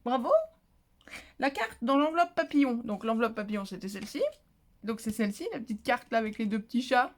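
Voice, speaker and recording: Woman, slightly high pitch, casual chat, emotional and exclaiming, home vlog. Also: a little fast. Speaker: craft vlogger. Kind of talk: casual chat while opening mail.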